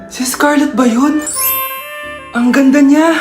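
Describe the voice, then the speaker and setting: Comedy skit: woman as hopeful, self-doubting Filipino teen girl, high register, background music. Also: steady tone, slow pace. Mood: dismayed. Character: insecure, lovestruck, determined plain schoolgirl. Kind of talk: exaggerated comedy skit acting. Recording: music behind the voice.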